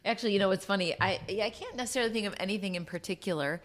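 A woman's voice: mid-range voice, very fast, background noise. A woman chatting casually as a podcast guest, laughing often. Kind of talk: casual chat.

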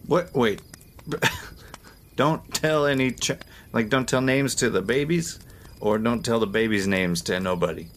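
A man's voice: mid-range voice, expressive, measured pace, a little hiss or hum. A man playing a tabletop game, chatting casually in a questioning, literal-minded way.

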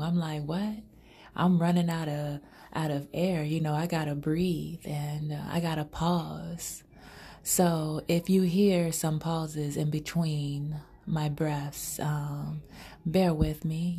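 A woman hosts her own podcast, improvising erotic stories in a sultry, half-whispered, intimate way. Her voice is low and dark with a breathy edge.

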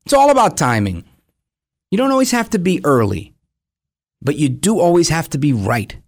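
A man's voice: fairly high pitch, very animated, moderate pace. A man gives opinionated, conversational commentary as a program host, acting out imagined dialogue and posing rhetorical questions. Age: 40s.

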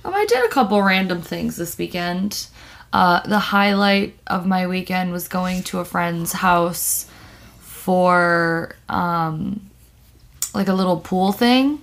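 A young woman co-hosting a podcast, telling stories in an informal, expressive, conversational way. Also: on the low side, takes it slowly, gravelly. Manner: informal, expressive storytelling with swearing. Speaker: podcast co-host. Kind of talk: casual podcast chat and storytelling.

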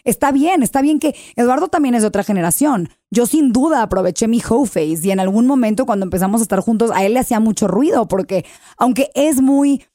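A Mexican woman, a guest on a podcast, telling her story candidly and in an animated way, swearing freely. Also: fairly high pitch, brisk, no echo, studio quality. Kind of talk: casual podcast chat.

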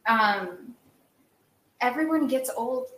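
Bright-voiced young woman in an echoey room. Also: a little high, expressive, takes it slowly. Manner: chatty, explains at length with hedging fillers. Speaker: guest. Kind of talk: casual chat.

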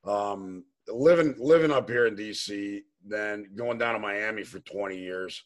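Deep-voiced rambling male host. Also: unhurried. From Maryland, USA. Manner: rambling, many fillers and restarts. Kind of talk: casual interview chat.

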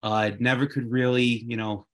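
A man's voice: medium pitch, little pitch movement, moderate pace. A man chatting casually and enthusiastically, often repeating phrases for emphasis. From Queens, New York. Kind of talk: casual chat.

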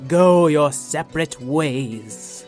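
A woman doing a slow, sing-song bossy queen. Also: animated, a little mellow, soft background music, exaggerated voice. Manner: slow, sing-song rhyming delivery with wide pitch swings. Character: bossy, commanding female queen. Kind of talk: children's storybook reading.

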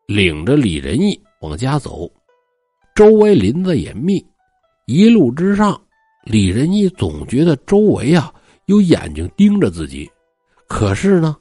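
A man telling a ghost story in a lively, folksy manner, with a husky voice. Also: fairly high pitch, dry recording, studio quality.

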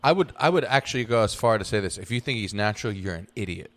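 A young man co-hosting a casual podcast, blunt and quick to roast people. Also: on the low side, lively intonation. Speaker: podcast co-host. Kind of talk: casual chat.

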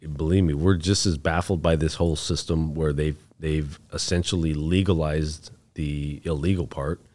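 A chief deputy sheriff talking in a casual podcast interview, plainspoken and laid-back, calling the host bro. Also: male voice, rumbling low, fairly even intonation, moderate pace, darkish tone. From United States.

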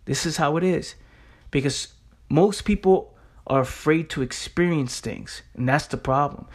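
A young adult man delivers an informal motivational monologue, blunt, streetwise and emphatic, full of rhetorical questions and casual swearing. His voice is fairly high-pitched and his pace measured.

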